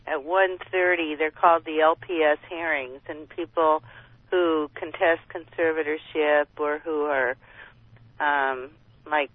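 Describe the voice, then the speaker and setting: A woman calling in to a radio show over the phone, talking in a plain, unhurried way as an advocate. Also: deep voice, steady tone, dry recording. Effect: phone line. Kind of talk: casual call-in chat. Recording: tinny phone line, dry.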